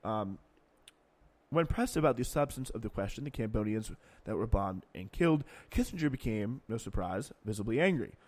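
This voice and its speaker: A man's voice: lowish voice, lively intonation, moderate pace, a little mellow, no room sound. A man hosting a podcast, reading news passages aloud and adding sardonic, sarcastic asides. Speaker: podcast host. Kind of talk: political commentary, reading and remarking.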